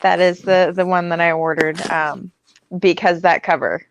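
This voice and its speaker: A woman's voice: on the low side, steady tone, normal speed, a little hiss or hum. A woman co-hosting a casual movie podcast, eager and emphatic, who swears casually. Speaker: podcast co-host. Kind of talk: casual movie review chat.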